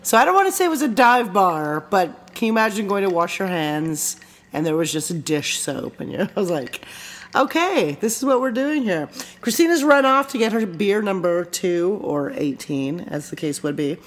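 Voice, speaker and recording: A woman from Canada co-hosting a casual podcast, telling lively bar stories with swearing and laughter. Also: lowish voice, moderate pace. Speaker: podcast co-host. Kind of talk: casual chat.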